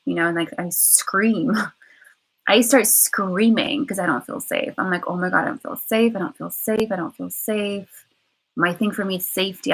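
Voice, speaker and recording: A woman's voice: on the low side, fairly bright tone, low-quality recording. A woman vlogger talking candidly on a live stream, rambling and repeating herself with many fillers. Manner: candid and emotional. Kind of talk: casual live-stream monologue.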